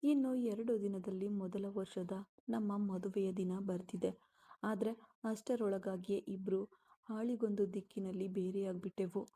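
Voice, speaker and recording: A woman voicing a heartbroken young pregnant wife, read softly in a storybook style. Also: medium pitch, steady tone, measured pace. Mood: sorrowful.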